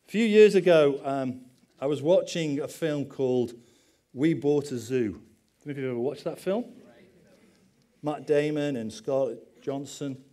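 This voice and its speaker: A man's voice: medium pitch, dark tone. A middle-aged man, a pastor giving a conversational sermon with personal stories and self-deprecating asides.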